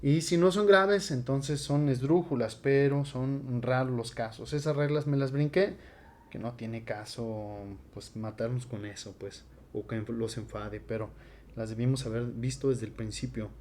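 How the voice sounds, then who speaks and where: Relaxed man teaching at a board. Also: mid-range voice, measured pace. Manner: relaxed, conversational, with many fillers. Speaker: Latin teacher. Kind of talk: casual classroom lecture at a board.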